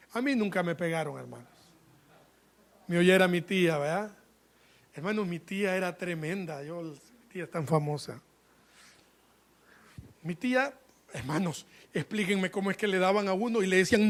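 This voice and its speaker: High-voiced fervent preacher. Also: male voice, lively intonation, moderate pace, pauses often. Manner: fervent preaching, constantly addressing the congregation as brothers; sweeping swings between loud and hushed. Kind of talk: sermon.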